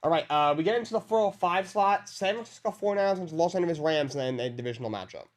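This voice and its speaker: Man, co-host, slightly high voice, casual football talk, rambling delivery. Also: quick pace. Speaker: podcast co-host reading matchups. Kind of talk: casual sports chat.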